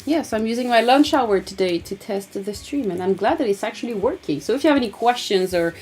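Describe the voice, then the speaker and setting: A woman's voice: fairly high pitch, animated, fast, darkish tone. A woman in her thirties hosting a livestream in casual chat, giggling often and talking with lots of fillers. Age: 30s. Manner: giggly, chatty, with many fillers. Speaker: livestream host.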